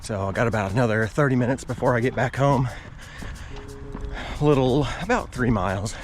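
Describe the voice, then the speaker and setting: Male vlogger, mid-pitched, casual chat delivered while running outdoors, action-camera sound with music underneath. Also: fairly quick. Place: outdoors on roads by fields. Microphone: action camera carried while running.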